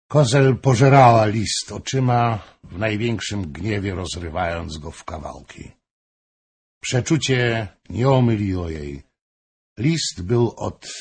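A male audiobook narrator reads a historical novel in a measured, unhurried way. His voice sits low and is very husky and breathy, with an even storytelling delivery.

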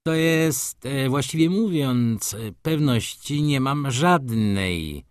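A man's voice: mid-range voice, lively intonation, slow pace, clean tone, no room sound, studio quality, pitched above the performer's own voice. A man voicing a flustered, evasive man who answers in a hesitant, stammering way.

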